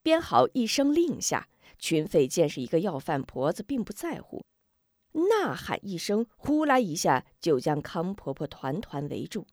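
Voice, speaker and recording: Dramatic female storyteller, lively recitation. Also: on the low side, measured pace, no echo, studio quality. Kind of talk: traditional Chinese storytelling narration.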